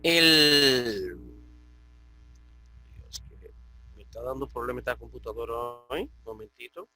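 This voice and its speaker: A man's voice: mid-range voice, unhurried, bright, forceful tone, low-quality recording. A man from the Dominican Republic teaching an online Koine Greek class, explaining patiently and often checking in with his students. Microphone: computer mic on an online call.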